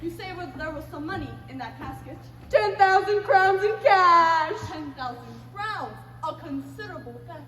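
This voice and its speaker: A woman's voice: sits high, animated, a little fast, fairly bright tone, faint music behind. A woman playing a formal, businesslike male commissioner in a stage play performance. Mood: officious. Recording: echoey theater stage from far off, noisy.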